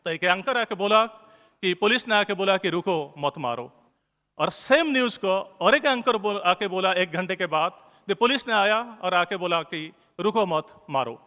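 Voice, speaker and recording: A man's voice: high voice, moderate pace, bright, forceful tone. A man with an Odia accent, a news editor giving an earnest conference speech and repeating key phrases for emphasis. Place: large conference hall. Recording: long hall reverb.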